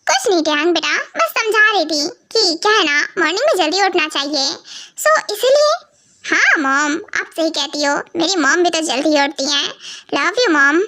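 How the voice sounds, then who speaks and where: A woman's voice: very high-pitched, animated, moderate pace, pushed and bright, exaggerated voice. A woman voicing a brash, cocky young gangster husband in a fan-dubbed audio story, talking in a teasing, smug way.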